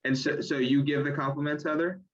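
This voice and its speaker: A man's voice: on the high side, steady tone, a little fast, dull audio. A man moderating a webinar discussion on a video call, asking questions hesitantly and repeating words.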